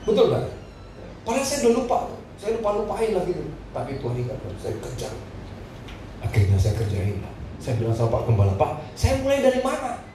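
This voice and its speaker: In a church hall, a man preaches a sermon with personal testimony, his voice echoey and heard from a distance amid background noise. He speaks fairly quickly with lively pitch, telling stories to the congregation and laughing between phrases.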